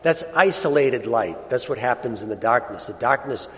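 A priest speaks at a middle pitch in a large church, his voice trailing off in a long cathedral echo. He reads scripture and then preaches, slow and measured, letting each phrase settle as it ends. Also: animated. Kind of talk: liturgical gospel reading and homily.

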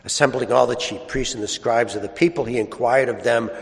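A man serving as priest, reading the gospel aloud and then preaching a homily in a measured voice that slows and drops at the ends of phrases, heard with a cathedral echo. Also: medium pitch, steady tone, gravelly. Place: large church. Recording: long cathedral-like church reverb.

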